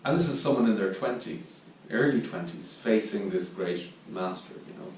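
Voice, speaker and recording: A man with an Irish accent giving a reflective dharma talk as a Zen teacher at a retreat, pausing to search for his words. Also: on the low side, expressive, a little mellow. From Ireland. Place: meditation hall at a retreat centre. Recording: distant mic in a very echoey room with faint noise.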